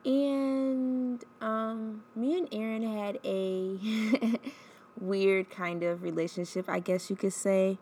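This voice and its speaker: With slight noise in the background, a woman in her twenties talks slowly in a steady, mid-range, dark-toned voice on her solo podcast. She's candid and full of ums, and her cold leaves her sounding stuffed up.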